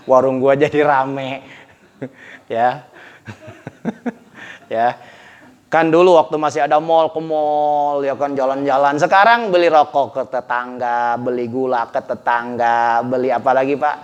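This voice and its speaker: A man giving a lively, colloquial sermon as an Islamic preacher, often addressing his listeners directly. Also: medium pitch, slow, long pauses, clear, resonant tone, lo-fi sound. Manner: animated, colloquial, addressing listeners as Pak, with laughter. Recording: echoey hall recording.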